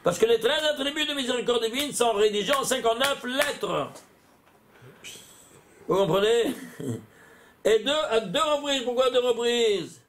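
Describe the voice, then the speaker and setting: A rabbi giving a religious lesson, animated, quizzing his listeners with rhetorical questions and often restarting and repeating words. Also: extremely high pitch, measured pace, long pauses, slight background noise.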